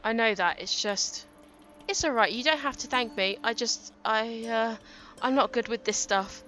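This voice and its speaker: Brief: peppy awkward young woman neighbour, a woman gamer doing the voice, raised and bright. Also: normal speed, slight background noise. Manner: bubbly and eager, high and bright. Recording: game music behind.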